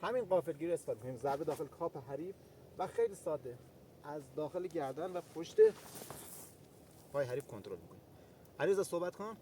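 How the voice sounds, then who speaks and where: With a little hiss or hum in the recording, a male martial arts instructor leads a self-defense class in a slightly high voice, pausing often. Full of energy, he counts through every step he shows and keeps chatting to the people watching.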